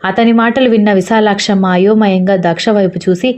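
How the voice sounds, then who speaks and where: A woman's voice: medium pitch, fairly even intonation, fairly quick, a little mellow. A woman reading a love story aloud as narrator, speaking the characters' lines in her own voice.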